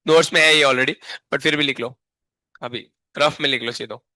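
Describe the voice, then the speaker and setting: Teasing, bright-voiced male teacher. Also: mid-range voice, steady tone, normal speed, dry recording. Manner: bantering and teasing students between explanations; frequent check-in questions to the class. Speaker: chemistry teacher. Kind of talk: live classroom lecture.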